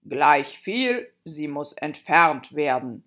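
A woman voicing a pompous, fussy king who speaks slowly and sternly. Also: low-pitched, big pitch swings, fairly bright tone, highs cut off, full character voice. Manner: slow, stern and indignant.

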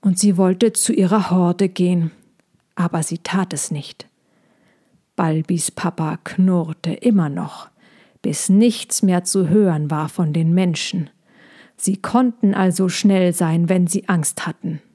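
Warm-voiced woman reading a children's story. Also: fairly low pitch, slow pace. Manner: lively storybook narration with voiced quotes.

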